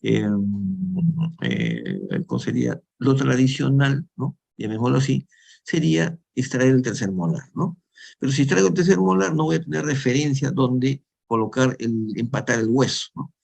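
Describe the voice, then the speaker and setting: A man in his fifties from Peru lectures on dentistry in a relaxed, conversational manner. His voice has a gravelly edge, and he keeps checking in with his listeners as he explains each point. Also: medium pitch, normal speed. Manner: conversational, frequent tag questions, restarts. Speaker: dental lecturer. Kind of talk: lecture with slides.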